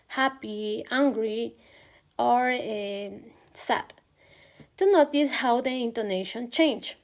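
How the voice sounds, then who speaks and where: A young woman giving a recorded class presentation on teaching pronunciation, pausing often with hesitant "eh" fillers. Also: on the high side. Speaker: student presenter.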